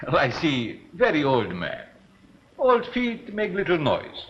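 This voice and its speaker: Very old man, evasive shopkeeper, halting broken English, fairly high swooping voice, dull vintage film sound. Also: huge pitch swings, slight background noise, full character voice. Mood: evasive, wary. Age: older. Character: very old, evasive, wary male herb shop keeper. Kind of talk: 1930s film acting.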